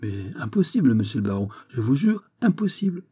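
A man voicing an indignant courtly count who protests in an excitable, high-strung way in a dramatized audiobook reading. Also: brisk, husky. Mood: incredulous.

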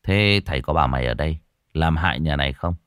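A man's voice: extremely low pitch, animated, fairly bright tone, no echo, pitched below the performer's own voice. Cast a man doing a swaggering street-tough ghost hunter in an audio horror story, dry close sound. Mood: stern. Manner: taunting, gruff, fast. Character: brash young male exorcist, cocky and rough.

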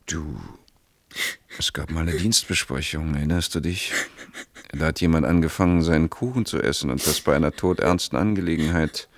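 A man's voice: extremely low pitch, moderate pace. A young man playing a conflict-shy husband in a 1970s radio play, soothing and hesitant. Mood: weary. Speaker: working group leader.

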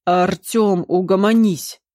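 A woman's voice: lowish voice, measured pace, dark tone, no room sound, studio quality, natural voice. A woman voicing a worried young man who urgently scolds a friend. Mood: alarmed. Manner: urgent, reproachful.

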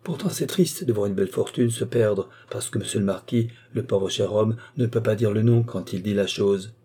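A man's voice: lowish voice, normal speed, dark tone, breathy edge. A man voicing a plain-spoken village mayor with homely, rustic turns of phrase. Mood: sympathetic.

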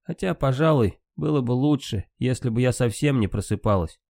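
A man's voice: mid-range voice, lively intonation, moderate pace, vocal fry, darkish tone, no room sound. A man voicing a proud, grieving valkyrie queen in an audiobook, with a raised, impassioned delivery. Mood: weary.

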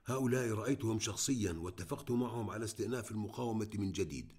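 A man voicing a tall, strong, calm male resistance fighter who whispers quickly. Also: lowish voice, husky. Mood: earnest.

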